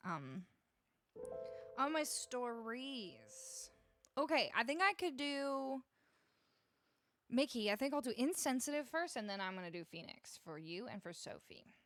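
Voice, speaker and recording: Lively, chatty woman streamer. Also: on the high side, a little slow. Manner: chatty, laughs often, greets viewers by name. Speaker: music streamer and singer. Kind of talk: casual live-stream chat with viewers. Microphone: studio broadcast microphone, close.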